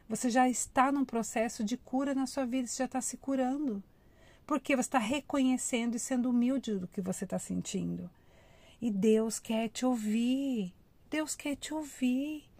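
A woman's voice: fairly high pitch, brisk, dry recording. A woman giving an informal devotional talk, chatting with her listeners and acting out heartfelt prayers. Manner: warm conversational, addresses listeners as "gente"; acts out emotional prayers. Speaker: devotional speaker.

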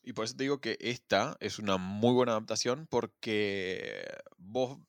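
A man with a Rioplatense accent in casual film chat, rambling and slangy, pressing his points with animated emphasis. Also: on the low side, normal speed, dry recording, clean studio sound. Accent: Rioplatense Spanish. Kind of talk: casual chat about films.

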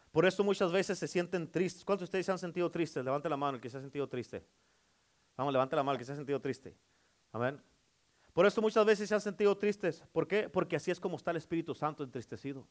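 High-voiced preacher. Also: male voice. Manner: addresses the congregation directly, frequent "amén". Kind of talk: storytelling sermon.

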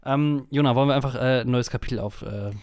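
A man's voice: medium pitch, quick pace, a little mellow, clear, resonant tone, no room sound, clean studio sound. A man from Germany telling stories in a casual podcast chat, rambling with many fillers and restarts. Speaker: podcast co-host.

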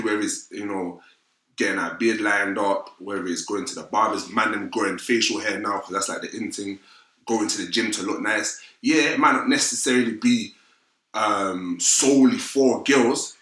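Young London man, roadman accent and slang, low forceful voice, roomy echo. Casual, opinionated panel talk. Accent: London, urban street style. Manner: London roadman slang, frequent "fam" and "innit". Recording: roomy, echoing sound.

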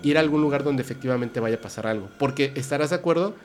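A man's voice: medium pitch, very fast, slight background noise. A man with a Mexican accent hosting a podcast, chatting casually and retelling conversations with friends. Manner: animated storyteller, quotes friends. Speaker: podcast host. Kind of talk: casual chat.

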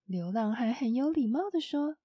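A woman narrating a children's storybook in a gentle, expressive storytelling manner. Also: a little high, moderate pace, husky, no room sound, lo-fi sound.

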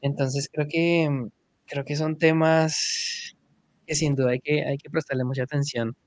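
Man, podcast host, slightly high voice, dry close sound, conversational, adds anecdotes. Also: level tone, a little slow, no room sound. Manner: conversational, agreeing and adding childhood anecdotes.

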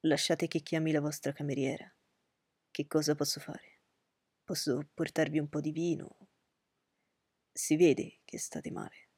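A woman voicing a composed gentleman who speaks earnestly and solicitously in a storybook reading. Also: low-pitched, steady tone, moderate pace, gravelly, dry recording. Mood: concerned. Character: concerned gentleman, gallant and composed.

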